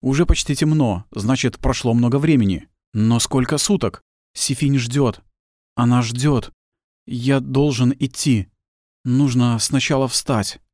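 A man voicing a tormented young captive who speaks in a hoarse, strained and desperate way. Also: medium pitch, measured pace, darkish tone, dry recording, studio quality, lightly acted. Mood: dazed.

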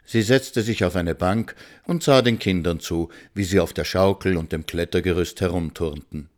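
A man narrates a storybook in a calm, measured way. His voice sits on the low side, and he tells the story plainly and steadily.

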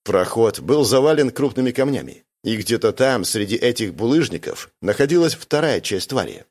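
A man reading first-person science fiction narration in an even, steady storytelling voice. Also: medium pitch, moderate pace. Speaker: audiobook reader.

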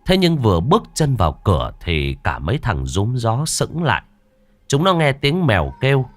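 A man narrating a horror story in a lively storytelling manner. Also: medium pitch, moderate pace.

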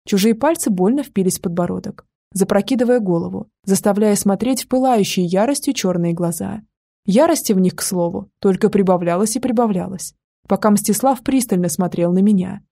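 Woman, audiobook narrator, first person, expressive; husky, gravelly voice. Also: medium pitch, fairly quick. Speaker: audiobook reader.

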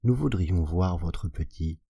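A stern gentleman, voiced by a man reading aloud presses his questions firmly. The voice is very deep and dark with a husky edge. The recording is close and dry. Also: takes it slowly, no room sound, full character voice. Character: stern man, the narrator's friend. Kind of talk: audiobook reading.

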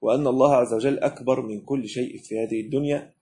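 A man's voice: medium pitch, steady tone, quick pace, dark tone. A man with an Egyptian Arabic accent teaching a religious law lesson, explaining by example and answering his own questions.

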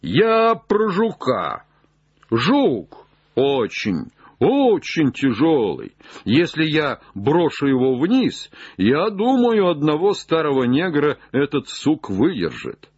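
A man voicing an old male servant, simple and sly, calling down in high drawn-out shouts. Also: wildly swooping pitch, husky, no room sound, highs cut off, exaggerated voice. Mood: wary. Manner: high drawn-out calls from far up a tree.

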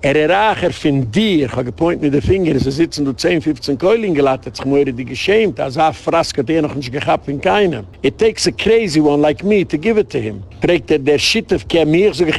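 Gravelly middle-aged rabbi telling stories. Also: male voice, a little high. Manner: animated retelling of phone calls and arguments, slipping into English and Yiddish words. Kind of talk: storytelling lecture.

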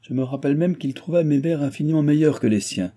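A man's voice: on the high side, fast talker, voice pushed up, natural voice. A man reading the part of an old, skeptical, boisterous baron who mocks and exclaims. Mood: mocking. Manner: mocking, excitable exclamations.

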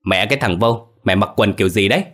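A sharp-tongued village girl snaps blunt, quick scolding, voiced by a man in his own low register. It sounds like a storybook horror tale read aloud.

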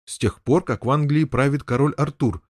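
A noble knight speaks in measured, stern tones, as a man reads him. His voice sits at a middle pitch. The sound is dry, with no room. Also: fairly even intonation, no room sound, close to an everyday voice. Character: stern noble male knight, calm and firm.

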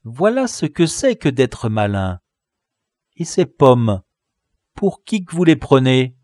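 A man reading an audiobook and voicing a boastful, clever village boy with a high, crowing voice. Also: very animated, slow pace, a little mellow, no room sound. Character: boastful clever peasant boy, gang inventor. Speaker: audiobook reader.

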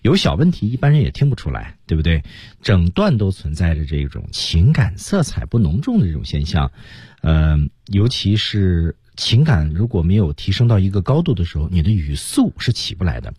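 A man's voice: low voice, sing-song, normal speed, a little mellow, slightly rough, no room sound, studio quality. A man teaching English reading on a radio lesson, explaining patiently and modelling lines.

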